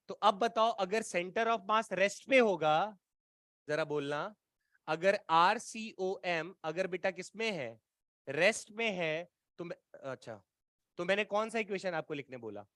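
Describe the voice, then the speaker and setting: A man's voice: high-pitched, lively intonation, unhurried, a bit bright, no room sound, clean studio sound. A man teaching an exam-prep physics lecture, coaxing and colloquial, often checking whether students follow. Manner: colloquial, playful teasing tone.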